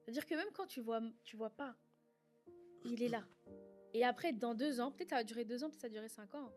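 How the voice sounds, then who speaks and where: A woman's voice: fairly high pitch, fast, darkish tone, soft background music. A woman co-hosting a casual faith conversation, talking earnestly and growing fervent about prayer. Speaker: podcast co-host.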